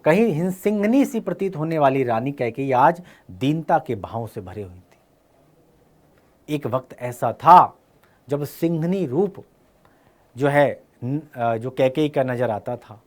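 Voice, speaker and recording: A male teacher explaining a Hindi poem to students, reciting verse lines slowly and then explaining them in casual speech. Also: medium pitch, lively intonation. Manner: uses fillers like "है ना" and "clear है".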